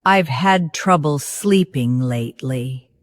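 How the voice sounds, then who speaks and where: Very slow woman reading example sentences. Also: extremely low pitch, lively intonation, dry recording, faint music behind.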